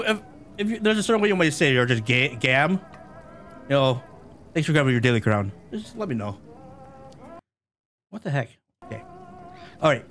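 A man streaming a game live, chatting excitably with viewers and laughing often. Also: medium pitch.

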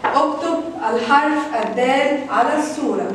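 High-pitched Egyptian woman teaching children. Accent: Egyptian Arabic. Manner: drawn-out, sounded-out words, repeated praise. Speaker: kindergarten teacher. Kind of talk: phonics review lesson for young children. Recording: echoey room from a distance, faint noise.

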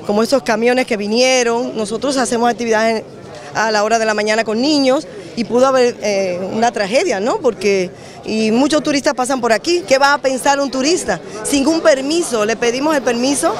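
A woman's voice: a little high, fairly quick. A woman with a Dominican accent speaking earnestly in a street interview as a local organizer. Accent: Dominican Spanish.

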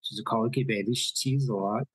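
A nervous, hesitant nanny with an Irish lilt, as a man puts her on in a tabletop horror game. Her voice is husky and sits at an ordinary pitch. It sounds dry and close to the mic. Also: dry recording, natural voice, low-quality recording. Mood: worried. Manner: hesitant, halting replies.

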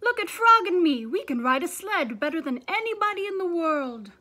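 A woman's voice: high voice, expressive, unhurried, exaggerated voice. A woman voicing grumpy storybook Toad. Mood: grumbling. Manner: loud, complaining storybook delivery. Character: grumpy, sleepy male toad who loves bed.

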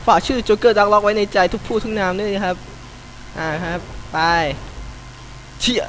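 A young man commentating casually on his own racing gameplay, with sudden excited outbursts, swearing and mock prayers. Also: high voice, moderate pace, a little hiss or hum, low-quality recording. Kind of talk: casual let's-play commentary.

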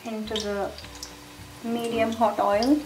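A woman's voice: on the high side, little pitch movement, takes it slowly, roomy sound, background noise. A woman hosting a home cooking channel, giving plain step-by-step instructions in a voice-over.

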